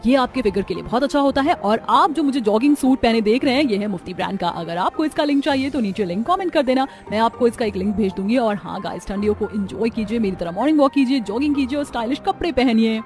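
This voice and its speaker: A woman's voice: on the high side, fast, few pauses, darkish tone, soft background music, natural voice. A woman voicing a brash, snobbish young city influencer in a cartoon story. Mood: vlogging. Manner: brash, mocking. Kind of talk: cartoon voice acting.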